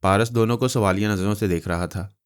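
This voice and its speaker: A man narrating a novel aloud in a steady, dramatic audiobook style. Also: lowish voice, brisk, clear, resonant tone. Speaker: storyteller.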